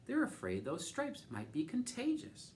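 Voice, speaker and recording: A man's voice: sits high, huge pitch swings, unhurried, pitched above the performer's own voice, heavily acted. Man playing an apologetic, formal school principal. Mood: regretful. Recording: faint background noise.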